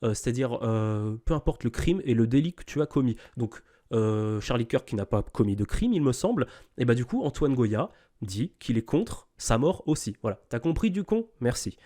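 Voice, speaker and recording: A man's voice: mid-range voice, sing-song, moderate pace, warm tone. A man giving informal, off-the-cuff reaction commentary, scornful and lecturing, checking in with short tag questions. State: sick.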